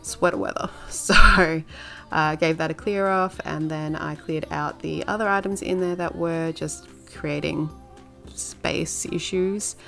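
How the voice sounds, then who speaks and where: A woman with a low, gravelly voice talks through her cleaning routine in a relaxed, rambling voice-over, full of little fillers. Soft music plays faintly underneath. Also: slow. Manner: chatty and rambling, with filler words. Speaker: home cleaning vlogger. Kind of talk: casual voice-over narration.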